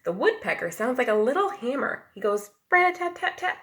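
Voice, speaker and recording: A woman teacher with a high-pitched voice reads a picture book to young children fairly quickly, her pitch swinging widely. She whispers and calls out sound words, asks her listeners questions, and explains things simply.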